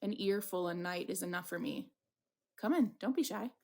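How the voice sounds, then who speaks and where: A woman's voice: lowish voice, moderate pace, vocal fry, mellow. A woman voicing a wounded, lovestruck man with playful bravado in a dramatic visual novel reading.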